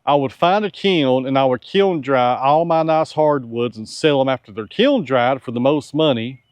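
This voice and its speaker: A man's voice: medium pitch, moderate pace, no room sound. Tired sawmill man, folksy and frank, mid-range voice, dry sound. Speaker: sawmill owner and channel host. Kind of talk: casual Q&A with viewers. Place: outdoors on a farm.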